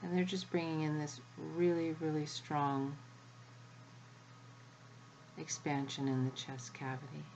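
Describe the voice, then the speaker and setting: A woman leading a guided spiritual energy activation as the guide, speaking in a measured way with long pauses between short phrases. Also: low voice, little pitch movement, a little mellow, a little hiss or hum, low-quality recording.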